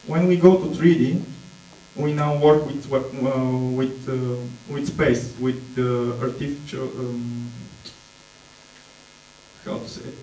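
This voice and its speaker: On a dark auditorium stage, a Bulgarian man gives a slow conference talk with slides in a steady, dark, mid-range voice. He hesitates, uses many fillers, and searches for English words. The recording is from a distant mic in an echoey hall with mains hum.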